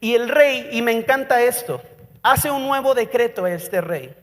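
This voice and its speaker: A man's voice: extremely high pitch, normal speed, fairly bright tone. A Mexican man preaching a sermon as pastor, telling a story dramatically and putting questions to the congregation. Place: church. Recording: reverberant church hall.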